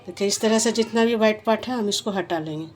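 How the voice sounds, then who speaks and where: A woman's voice: medium pitch, fast. Homely woman demonstrating a home recipe. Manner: homely, repetitive, restarts often. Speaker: cooking channel host.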